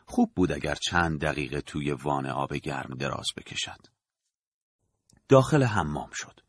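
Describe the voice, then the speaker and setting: Deep husky guy reading a story out, measured and dramatic, varied intonation. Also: animated. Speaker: narrator. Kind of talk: scripted audiobook narration.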